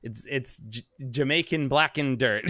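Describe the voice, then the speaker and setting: A man's voice: mid-range voice, unhurried, sharp tone, no echo. A man riffs loosely on a comedy podcast, swearing freely and laughing at his own bits. His voice sits in a middle range. The recording is dry and close, with no room sound. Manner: rambling, profane, laughs often. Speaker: podcast co-host. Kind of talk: casual comedic chat.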